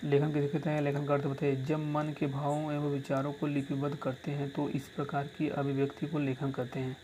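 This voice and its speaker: A man's voice: fairly high pitch, monotone, a little fast, noisy background. A male teacher dictating exam answers and repeating lines so students can write them down. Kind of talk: exam-prep lesson.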